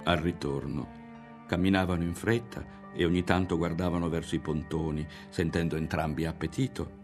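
A man with a low voice reads a novel aloud in a measured, expressive way. His narration is steady, and the character voices lift above it. Faint music plays underneath. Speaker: audiobook reader. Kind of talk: literary audiobook narration.

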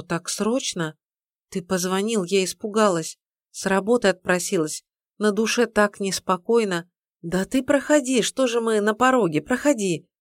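A woman reading an audiobook, voicing a gentle, anxious young pregnant woman who pleads tearfully. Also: mid-range voice, no echo, studio quality, voice pushed up, natural voice.

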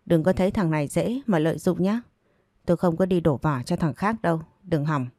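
A woman's voice: lowish voice, brisk, dark tone, dry recording, studio quality, close to an everyday voice. A woman voicing a callous young man who coldly rejects his pregnant lover with contempt. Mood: contemptuous. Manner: contemptuous, dismissive.

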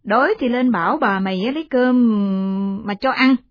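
A woman's voice: a little high, measured pace, lo-fi sound, close to an everyday voice. A woman voicing a resentful young village wife who snaps curtly at her family, in a storybook reading. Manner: curt, snapping.

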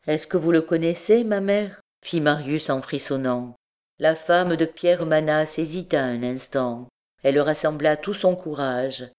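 Woman narrator for a classic novel, unhurried and measured, lowish voice. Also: a little mellow. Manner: measured, deliberate reading. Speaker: audiobook reader. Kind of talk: literary audiobook narration.

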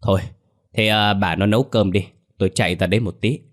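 A man's voice: on the low side, steady tone, brisk, close to an everyday voice. A man voicing a brusque middle-aged village husband. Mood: gruff. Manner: brusque, scolding.

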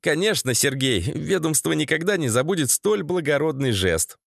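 Fussy scheming officer played by a man, high-ish voice, formal and wheedling. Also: lively intonation, normal speed, creaky, no room sound, studio quality. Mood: prim. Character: prim, scheming male secret-police officer.

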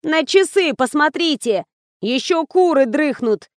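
A woman's voice: high-pitched, expressive, measured pace, no echo, clean studio sound, pitched above the performer's own voice. A woman reading aloud, voicing a young actress friend who grumbles and then fusses helpfully. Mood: fussy. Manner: grumbling, fussy.

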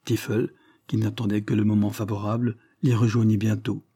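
Low, husky male audiobook narrator. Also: flat delivery, moderate pace, mellow, no room sound, clean studio sound. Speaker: audiobook reader. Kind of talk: literary narration.

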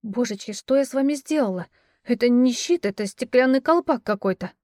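A frightened young sorceress, voiced by a woman narrator in a storybook reading. She speaks anxiously and pleadingly, slightly above the narrator's own pitch, in a mellow tone. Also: lively intonation, brisk, no echo, clean studio sound, natural voice. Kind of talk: audiobook character voicing.

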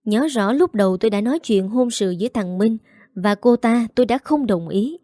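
A woman's voice: on the high side, animated, moderate pace, mellow, no room sound, clean studio sound, natural voice. A woman voicing a cold, domineering older matriarch of a wealthy house, speaking with contempt. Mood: scornful.

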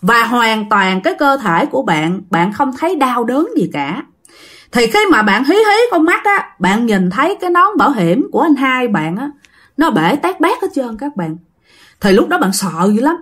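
Lively high-voiced woman storyteller. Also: normal speed. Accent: Southern Vietnamese. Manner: animated, acts out quoted voices with big pitch jumps; chatty, addresses listeners directly. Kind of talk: ghost story told to listeners.

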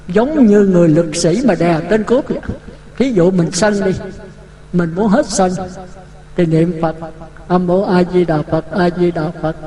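A man's voice: high voice, warm tone. A man giving a Buddhist dharma talk, vivid and full of rhetorical questions. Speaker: Buddhist monk teaching. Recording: echoey hall.

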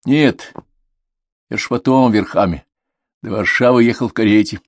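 A man's voice: lowish voice, moderate pace, no echo, lightly acted. A man voicing a young man just back from a journey, who speaks plainly and easily to his sister. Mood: easy.

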